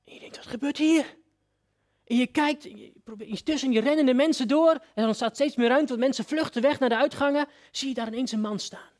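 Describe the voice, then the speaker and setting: A man's voice: very high voice, a little fast, hardly any pauses. A man preacher giving a sermon, telling a story vividly and addressing his listeners directly.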